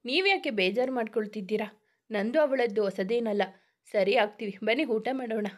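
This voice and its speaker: A woman voicing a young elder brother who teases his sisters and turns quiet when hurt. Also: fairly high pitch, fairly quick, close to an everyday voice. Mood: cheerful. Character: loving, teasing young man, an elder brother.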